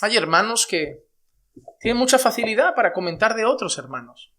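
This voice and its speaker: High, bright-voiced preacher. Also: male voice, animated, normal speed. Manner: emphatic, shifts between loud exhortation and quiet asides. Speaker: pastor. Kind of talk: sermon.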